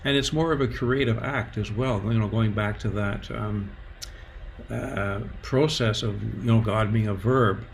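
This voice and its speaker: A man's voice: on the low side, fairly even intonation, unhurried, vocal fry, slight background noise. A man hosting a conversational interview, mostly affirming his guest and adding his own thoughtful reflections. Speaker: podcast host.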